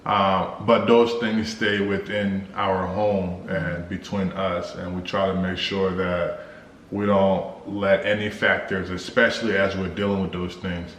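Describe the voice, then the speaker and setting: An American man co-hosting a casual Q&A vlog, explaining things in a measured, halting way. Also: low-pitched, little pitch movement, fairly bright tone. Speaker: vlog co-host. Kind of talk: casual couple Q&A chat. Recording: roomy echo with clear background noise.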